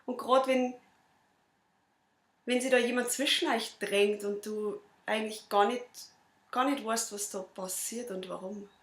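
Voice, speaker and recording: Slow Bavarian woman reciting verse. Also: a little high, fairly even intonation, roomy sound. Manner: measured, rhythmic verse delivery. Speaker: cabaret performer. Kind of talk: reciting a dialect poem.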